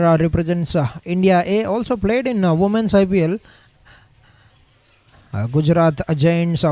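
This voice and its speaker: Male cricket analyst-commentator, Telugu accent, higher register, relaxed mellow tone, bilingual with English, stop-start delivery. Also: no room sound.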